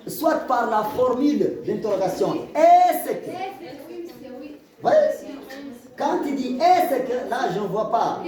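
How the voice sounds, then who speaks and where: A man teaches a grammar lesson, his pitch rising and falling a lot as he repeats and rephrases. He is picked up from across an echoing classroom, with the chatter of students clearly audible around him. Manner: repetitive, stammering restarts, explains with examples. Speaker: French teacher. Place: school classroom. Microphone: far from the mic. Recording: echoey classroom, far mic, student noise.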